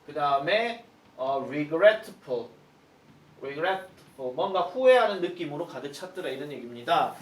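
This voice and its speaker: A man teaching a high school English textbook lesson, explaining line by line and slowing down to read out English phrases. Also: expressive, roomy sound, far from the mic.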